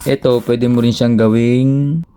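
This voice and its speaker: A man's voice: medium pitch, steady tone, a little slow, mellow, smooth. A man giving a casual, joking grammar lesson, switching between languages to read out example sentences. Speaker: language teacher.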